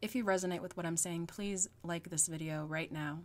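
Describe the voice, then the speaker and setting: A woman's voice: fairly low pitch, steady tone. Rambling young woman vlogging unscripted. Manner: rambling, halting with fillers, laughs at herself. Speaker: YouTuber. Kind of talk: unscripted vlog monologue.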